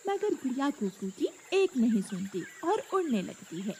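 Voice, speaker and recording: A woman narrating a children's cartoon story in a clear, expressive way. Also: fairly high pitch, moderate pace, a little hiss or hum.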